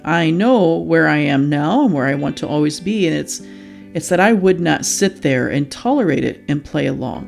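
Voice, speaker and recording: A woman's voice: low voice, gravelly, a little mellow. A woman earnestly and emotionally telling a personal story in a reflective commentary. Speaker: YouTuber sharing personal experience. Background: faint guitar music.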